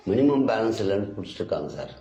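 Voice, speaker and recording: A man's voice: on the low side, sing-song, warm tone. A man arguing as an indignant bank customer in a comedic sketch, firing off questions. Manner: argumentative, indignant, rapid-fire questioning. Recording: echoey room with faint music.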